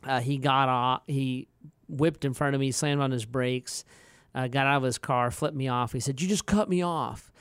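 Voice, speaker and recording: A middle-aged man co-hosting a podcast, chatting casually and telling animated stories with frequent restarts. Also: medium pitch, normal speed, smooth, no room sound. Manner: animated storyteller who acts out quoted voices; frequent restarts and filler words. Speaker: podcast co-host.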